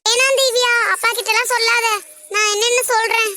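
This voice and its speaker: Brief: performer doing a very high, bright cartoon young woman, tearful and evasive. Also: little pitch movement, a little fast, a little hiss or hum, heavily acted. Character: tearful young married woman hiding her hurt. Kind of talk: cartoon voice acting.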